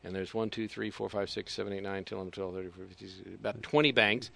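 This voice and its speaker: A man's voice: on the low side, fairly even intonation, racing, creaky, pushed and bright. A man co-hosting a casual finance talk show, rambling and dryly sarcastic. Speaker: co-host.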